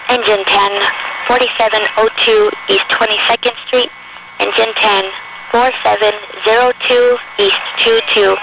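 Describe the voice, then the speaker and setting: A woman's voice: fairly high pitch, fairly even intonation, a little slow, vocal fry. A woman dispatching fire units over a two-way radio in a clipped, procedural way, reading out units and addresses. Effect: two-way radio transmission. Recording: noisy emergency radio channel.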